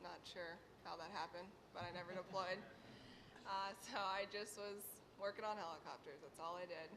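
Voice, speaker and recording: A woman's voice: lowish voice, steady tone, moderate pace. A woman in her twenties answering as a panelist in a plain, casual way. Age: 20s. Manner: plain and casual, laughs easily. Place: conference hall. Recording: room noise in background.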